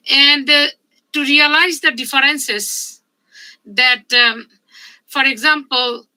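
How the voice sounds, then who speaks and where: A woman in her fifties, a medical researcher giving a conference talk in a halting, measured way with frequent pauses. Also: sits high, sharp tone, low-quality recording. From Bangladesh. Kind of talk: conference presentation.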